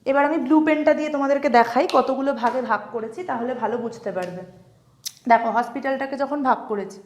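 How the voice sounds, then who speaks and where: A woman's voice: high voice, roomy sound. A woman teaching an English pronunciation lesson, patiently explaining syllables and often checking that her students follow. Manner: patient, repeats words slowly and checks in with "কেমন?". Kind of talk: Bengali-language lesson explaining syllables, writing examples.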